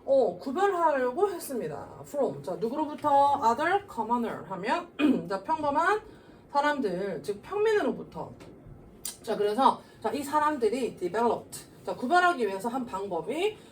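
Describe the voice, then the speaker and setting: Woman, English teacher, higher lively voice, quizzing students, distant mic, faint hiss. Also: measured pace. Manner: animated, asks and answers her own questions, keeps saying "자". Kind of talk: classroom lecture explaining a reading passage. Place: classroom.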